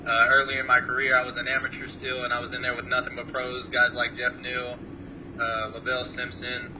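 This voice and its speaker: A man from Samoa answering interview questions over a remote call, calm and modest, with many hesitant uhs. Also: mid-range voice, brisk. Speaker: guest fighter. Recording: distant mic with clear background noise.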